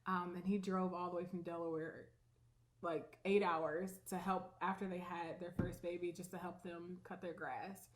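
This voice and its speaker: A talkative woman co-hosting a casual home vlog. She talks in quick, animated bursts and giggles often. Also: on the low side, a little hiss or hum. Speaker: vlog co-host. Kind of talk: casual chat.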